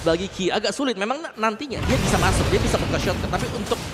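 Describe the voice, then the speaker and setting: A man's voice: sits high, animated, fast talker. An Indonesian-accented man giving analytical commentary as an esports caster. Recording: loud music behind.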